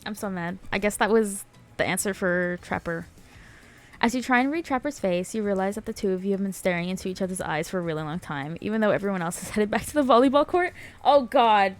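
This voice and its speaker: A woman's voice: medium pitch, fairly quick, faint music behind. A woman on a casual gaming stream who reads game text aloud and laughs often between jokey asides.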